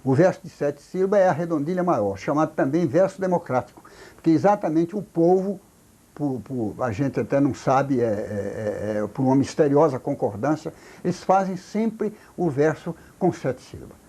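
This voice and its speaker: Older man, Brazilian Portuguese accent, husky, mellow tone, halting speech, folklorist interviewee. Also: on the high side, expressive. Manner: halting, many repeated words and restarts. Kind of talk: recorded oral history interview.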